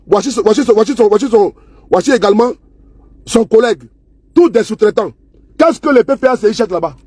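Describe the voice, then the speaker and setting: High husky-voiced man ranting to camera. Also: expressive, brisk, a little mellow. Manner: repetitive, scornful, keeps asking viewers "you see?". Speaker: political vlogger. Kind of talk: casual political commentary to camera. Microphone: phone or camera he handles himself.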